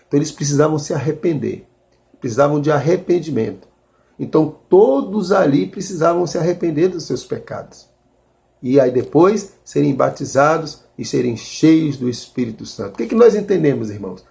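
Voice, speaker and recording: Preacher guy, earnest sermon, kinda high but gravelly voice, calls everyone brothers. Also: animated, moderate pace, warm tone. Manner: earnest, addresses listeners as brothers, restarts while reasoning aloud. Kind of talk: sermon reading and explaining scripture.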